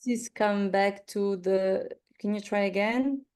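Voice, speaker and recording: A woman moderating an online event, briskly helping a speaker with screen sharing over a video call. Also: medium pitch, steady tone, darkish tone, clean tone. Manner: brisk, helpful with tech checks. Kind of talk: casual chat on a video call.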